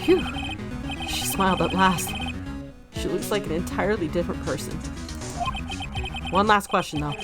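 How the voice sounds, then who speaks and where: A woman hosts a let's play with a slightly low voice. She reads game dialogue and narration aloud and comments casually. Game music plays clearly behind her. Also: moderate pace, long pauses.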